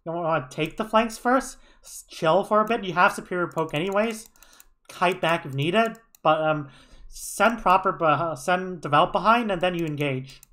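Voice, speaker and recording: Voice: medium pitch, moderate pace, a bit bright. An analyst casually breaking down team tactics over a match broadcast, thinking aloud with many fillers and restarts. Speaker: co-streaming analyst.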